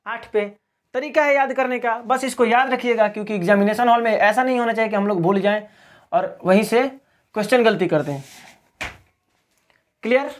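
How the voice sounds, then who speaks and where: A man from Bihar, teaching a video lesson in a question-and-answer drill, asking each question and answering it himself. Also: very high voice. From Bihar, India. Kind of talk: classroom-style video lesson.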